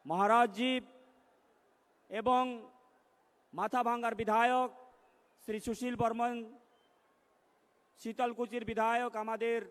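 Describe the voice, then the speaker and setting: A man giving a declamatory political rally speech from a stage microphone, his words ringing with a long echo from the loudspeakers. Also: level tone, slow pace, long pauses. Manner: declamatory, rising to loud emphatic declarations. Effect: long booming echo from the rally loudspeakers. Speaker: political candidate addressing a rally. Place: large public rally stage. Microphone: stage microphone through loudspeakers. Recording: long echoing reverb from public-address loudspeakers.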